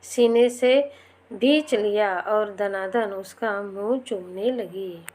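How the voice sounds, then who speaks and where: Slow, patient woman teacher explaining a lesson. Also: mid-range voice, a little mellow. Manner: reads each line, then repeats and explains it; addresses pupils directly, patient. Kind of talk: explaining a textbook chapter to students.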